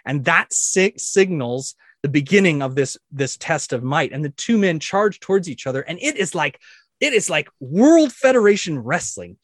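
A man running a tabletop game as dungeon master, narrating the brawl with excited energy and shouted sound effects. His voice sits a little high. The sound is dry and close. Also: moderate pace, no echo.

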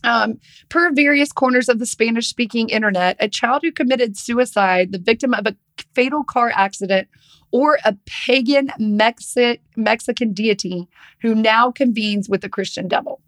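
A woman's voice: a little high, moderate pace, fairly bright tone. Joking, swearing woman podcaster. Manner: swears freely, reads notes aloud with a laugh. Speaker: podcast co-host. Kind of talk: casual chat.

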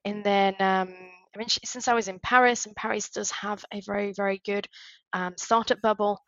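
A woman's voice: medium pitch, fairly even intonation, normal speed, no echo, muffled recording. A woman from Spain chatting as an interview guest, telling stories with lots of fillers and acted-out quotes. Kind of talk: casual interview chat.

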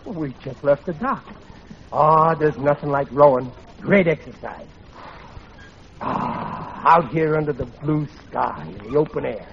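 A man's voice: a little high, unhurried, gravelly. An actor playing a blustering middle-aged working-class father in a 1940s radio comedy, exclaiming and groaning theatrically. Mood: falsely cheerful. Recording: noisy muffled old radio recording.

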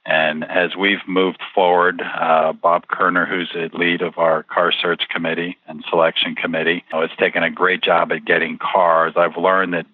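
A man's voice: low voice, level tone, moderate pace, few pauses, no room sound. A man in his fifties from Puerto Rico answering interview questions in an earnest, rambling way. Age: 50s. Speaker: interview guest. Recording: tinny dry phone line.

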